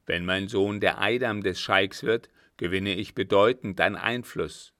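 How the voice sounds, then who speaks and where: A man's voice: low voice, measured pace, pushed and bright, dry recording, clean studio sound. A man voicing a selfish, scheming old man who mocks and bargains in a sardonic, calculating way.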